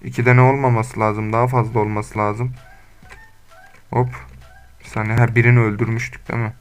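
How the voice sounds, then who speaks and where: A man's voice: mid-range voice, flat delivery, fairly quick, clear, resonant tone. A young man giving casual, slangy commentary while playing Minecraft, scolding his animals and talking to viewers. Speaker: gaming YouTuber. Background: faint game music and keyboard typing.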